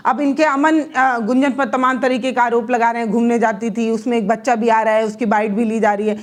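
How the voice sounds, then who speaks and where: A woman's voice: on the high side, fairly even intonation, a little fast. A woman giving opinion commentary in an earnest, pleading, argumentative manner, with frequent restarts and self-corrections.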